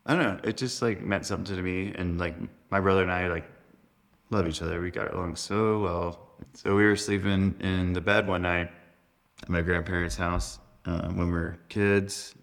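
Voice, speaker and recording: A young man with a very low, gravelly voice full of fry tells stories as a podcast guest. He rambles along with plenty of fillers, asides and little laughs. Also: steady tone, moderate pace, a bit bright. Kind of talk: casual storytelling chat.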